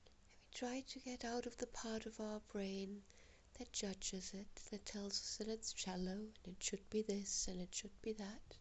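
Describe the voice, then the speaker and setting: A woman leads a relaxation meditation, her medium-pitched voice soft, breathy and half-whispered with fairly even intonation. She gives gentle, hushed instructions separated by long pauses.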